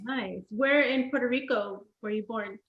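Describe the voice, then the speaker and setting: A friendly woman hosts a casual video interview and asks questions in an upbeat way, with plenty of "um" and "like." Her voice sits a bit high. The sound is roomy and echoey. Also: unhurried, highs cut off. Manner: upbeat, friendly, frequent fillers. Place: her home in a large US city.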